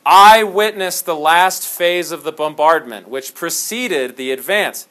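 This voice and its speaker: A man teaching a history class in a classroom, talking in an animated, jokey way and slipping into dramatic storytelling. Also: fairly high pitch, measured pace. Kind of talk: classroom lecture.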